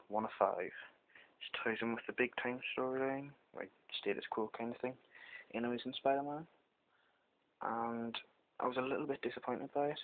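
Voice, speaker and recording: A man's voice: mid-range voice, a little hiss or hum. A hungover British man giving a casual, unscripted review in a hesitant, meandering way, as a comic book reviewer. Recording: dull, lo-fi amateur microphone sound.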